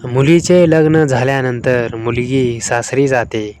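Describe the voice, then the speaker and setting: A man reading out a string of jokes in a deliberate storytelling manner. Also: mid-range voice, fairly even intonation, heavy background noise. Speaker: joke narrator.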